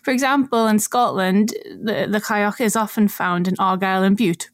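A woman's voice: mid-range voice, fairly even intonation, moderate pace, dry recording. Woman podcast cohost walking through some archaeology, chatty and laughy, dry close mic. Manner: explanatory, chatty, laughs often. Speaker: podcast co-host explaining archaeology. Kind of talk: casual chat.

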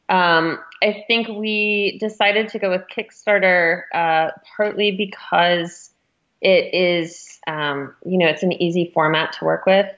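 This is a magazine editor being interviewed, a woman with a lowish, fairly bright voice. She explains things informally and conversationally, hedging now and then, on dull, muffled lo-fi audio.

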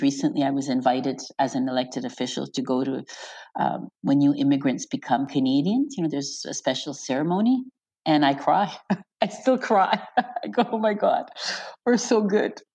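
Low-voiced chatty woman from Croatia. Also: husky. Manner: chatty, warm-hearted, laughs often, restarts sentences. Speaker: interview guest, elected official. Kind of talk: casual interview talk.

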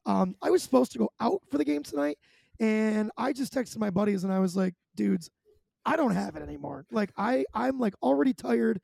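Male host, casual rambling banter; high, heavily gravelly voice, dry close sound. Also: fairly quick, a little mellow, no echo. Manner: chatty, rambling, self-deprecating. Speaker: podcast host. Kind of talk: casual podcast chat.

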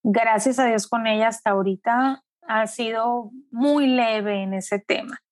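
Brief: middle-aged mother, interviewee, fairly high voice, dry close mic, earnest and reflective. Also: dry recording. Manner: reflective, earnest, often slows down. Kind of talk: emotional personal testimony.

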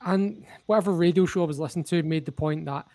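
Higher-voiced man breaking down refereeing calls. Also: fast, warm tone, dry recording. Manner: opinionated, explains rules at length. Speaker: podcast co-host. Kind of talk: casual football chat.

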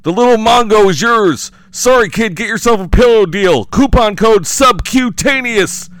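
A man voicing a frantic, cowardly, selfish man in a horror story, loud and panicky with a high, strained voice. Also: lively intonation, normal speed, no room sound. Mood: callous, frantic.

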